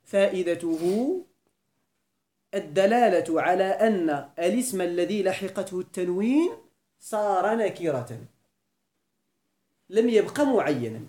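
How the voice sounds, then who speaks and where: A man's voice: high-pitched, big pitch swings, normal speed, pauses often, warm tone. A man with a Moroccan Arabic accent teaching a classroom grammar lesson, quizzing the students with frequent questions and repeating key points. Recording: echoey room.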